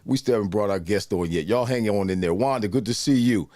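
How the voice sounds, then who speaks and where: A man's voice: lowish voice, fairly quick, a little mellow, no room sound, studio quality. A man in his sixties hosting a casual live show, chatting loosely and greeting viewers by name. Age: 60s. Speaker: host. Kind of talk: casual livestream chat with viewers.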